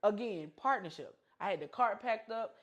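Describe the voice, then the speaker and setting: A woman's voice: medium pitch, lively intonation, moderate pace. A married woman co-hosting a relationship podcast, chatting casually and weaving in scripture. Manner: chatty and plain-spoken, laughs at herself. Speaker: podcast co-host.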